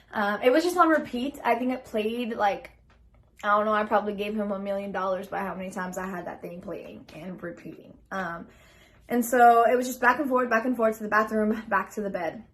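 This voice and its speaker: A young woman vlogger rambles chattily through her birth story, packing it with ums and likes and acting out her own lines. Her voice is medium-pitched and a bit bright.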